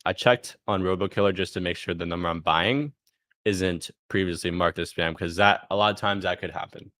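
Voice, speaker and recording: With a steady tone and a slightly quick pace, a man casually demos software on a live screen share. He thinks aloud while clicking and punctuates steps with "boom," captured in a dry recording.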